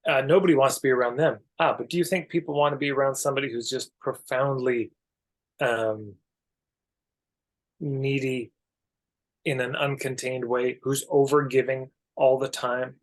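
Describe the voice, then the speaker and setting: A man appearing as a podcast guest explains ideas reflectively, emphatic but measured in a conversational way. His voice is medium-pitched with a steady tone.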